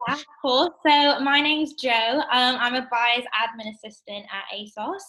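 A young woman in her twenties, voice slightly high, comes through on a rough recording. As a guest in a casual interview, she explains her work as an assistant buyer, bright and quick, scattering "kind of" and "like" everywhere.

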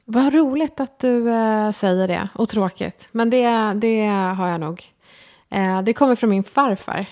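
A Swedish woman with a mid-range, slightly mellow voice speaks frankly and directly as a guest in a casual conversation; she's a designer and lecturer. She has a slight lisp, speaks far forward in the mouth, and carries a faintly upper-class Stockholm accent, often being self-deprecating.

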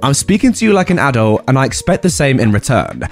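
Man voicing a firm, measured store manager. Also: mid-range voice, wildly swooping pitch, soft background music. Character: composed male store manager, firm and professional.

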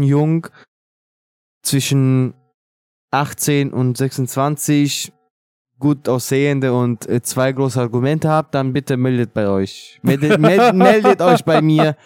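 A man with southern Italian roots in relaxed podcast chat, making cheeky jokes with his co-hosts. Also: medium pitch, smooth, no echo, studio quality. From southern Italy. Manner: joking, cheeky banter. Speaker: podcast co-host.

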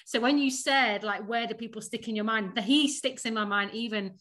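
A company founder from Sheffield, England, with a Northern English accent, chats casually as a podcast guest in an interview. Her voice is a little high and fairly bright, and she talks fairly quickly, laughing often and using lots of fillers.

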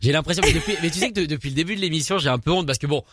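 Fast-talking French man hosting radio. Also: on the high side, a bit bright, no echo, studio quality. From France. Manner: teasing, self-mocking, rambling. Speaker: radio host. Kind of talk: casual on-air interview.

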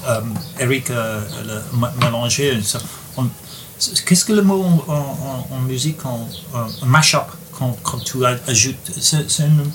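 A man's voice: mid-range voice, a little slow, noisy background. A man with an English accent, a native English speaker, chatting in an interview and stumbling as he searches for French words. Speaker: author and guest. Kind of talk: casual interview chat.

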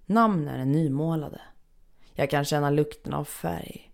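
A woman reading a first-person story aloud in a measured, unhurried, somber manner. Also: low voice, vocal fry, a little mellow. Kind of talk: first-person scripted narration.

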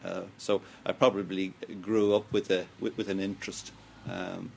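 A man's voice: deep voice, little pitch movement, normal speed, gravelly, a little hiss or hum. A man with a Dublin accent giving blunt, plain-spoken interview answers. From Ireland.

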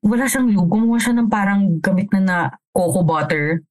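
A woman's voice: mid-range voice, fairly quick, darkish tone. A woman around thirty telling a frank, profane story with many fillers in a casual podcast chat. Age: 30s. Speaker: podcast co-host.

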